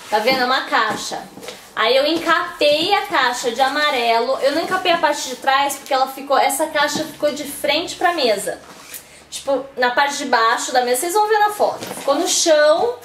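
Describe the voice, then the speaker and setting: A woman's voice: high-pitched, fairly bright tone, roomy sound, slight background noise. A woman vlogging casually from home, chatty and explaining her party crafts step by step. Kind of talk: casual craft vlog chat.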